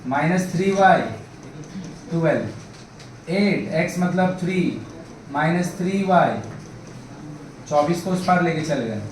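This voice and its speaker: A man's voice: on the high side, expressive, slow pace, long pauses. A man tutoring math students in a classroom, coaxing them along with questions and calling them babu and bhai. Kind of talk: classroom math lesson in Hindi-English mix. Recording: echoey room, mic far off, faint background noise.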